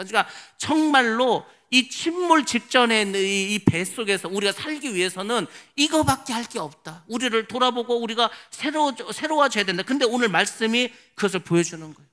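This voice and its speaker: Bright high-voiced Korean pastor preaching. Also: male voice. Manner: animated storytelling, acting out his own past prayers and quotes. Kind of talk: sermon.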